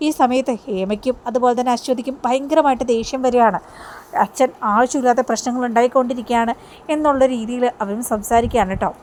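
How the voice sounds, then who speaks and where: A woman's voice: fairly high pitch, quick pace, darkish tone, slight background noise. A woman chattily retelling a TV serial episode as a reviewer. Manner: chatty, storytelling.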